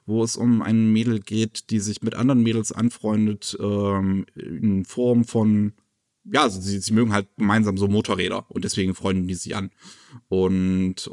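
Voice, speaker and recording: A man hosting a casual podcast, presenting anime news in a relaxed, chatty way with plenty of fillers. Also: fairly low pitch, dry recording, clean studio sound. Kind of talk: casual chat.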